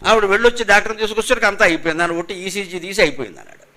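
Older male religious speaker, emphatic and preaching, fairly high bright voice, slips into verse chanting. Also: very fast. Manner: emphatic, rhetorical questions, chants verses and divine names. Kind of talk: spiritual discourse with chanted Sanskrit verses.

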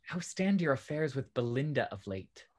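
Over a video call, a man performs in a Restoration comedy as a genial young gentleman in love who enjoys courteous gossip. Playing a young adult, he sounds animated and confiding, with a medium pitch and moderate pace.

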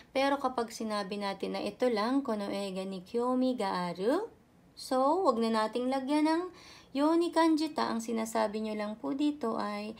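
A woman's voice: a little high, creaky, darkish tone. A woman teaching a language lesson. She politely and patiently repeats each example sentence and keeps checking that listeners follow. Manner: polite and patient, uses respectful "po". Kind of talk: explaining grammar in a lesson.

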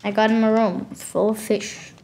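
A woman's voice: medium pitch, level tone, moderate pace, gravelly, mellow, slight background noise. A woman hosting a gaming channel, giving a casual tour of her game world and stopping often with fillers and self-corrections.

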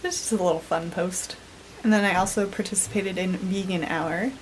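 A young woman in her twenties vlogs casually in her bedroom to a handheld camera at arm's length, chatty and filler-heavy with plenty of "like" and "um." She speaks at a normal speed in a lowish, steady voice. The audio is poor, with a little hiss or hum.

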